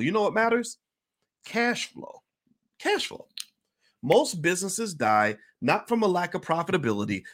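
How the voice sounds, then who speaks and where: A man talking to camera as a host in an energetic, emphatic way, repeating key words and clearing his throat now and then. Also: a little high. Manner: clears throat and coughs between points. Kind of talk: casual talk to camera.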